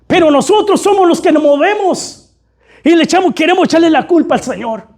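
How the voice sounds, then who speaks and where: A man's voice: extremely high pitch, fairly quick, a little mellow. A man preaching a fervent sermon, constantly calling his listeners brother. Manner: fervent, repeatedly addressing "hermano".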